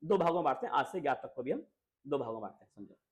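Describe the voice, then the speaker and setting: A man's voice: medium pitch, racing. A man teaching a grammar lesson to schoolchildren, asking and repeating questions. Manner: lively, repeats questions to students, coaxing.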